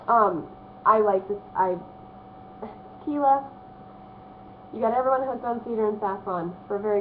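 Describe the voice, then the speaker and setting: Hoarse young woman chatting on a thin line. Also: fairly high pitch. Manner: chatty, rambling, frequent ums. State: hoarse from a cold. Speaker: vlogger. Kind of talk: casual haul vlog. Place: home, at a small desk. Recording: phone-like narrow band, faint hiss.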